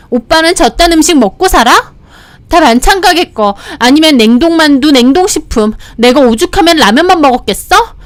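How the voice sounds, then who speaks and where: A woman voicing a bratty, sharp-tongued young sister-in-law who whines and shrieks. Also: high voice, no room sound, pitched above the performer's own voice.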